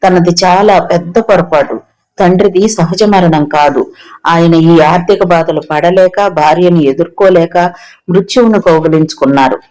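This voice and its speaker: A man narrating a novel as an audiobook, reading in a steady, even storybook manner. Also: fairly high pitch, poor audio.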